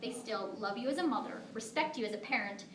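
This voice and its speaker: A woman's voice: a little high, fast talker, natural voice. A woman playing a devoted young mother in a dramatic monologue, telling stories conversationally with asides to listeners. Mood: amused, fond. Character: devoted young mother fondly recalling her daughter. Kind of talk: dramatic monologue performed at a competition. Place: echoing room, recorded from a distance. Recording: roomy, distant mic with faint noise.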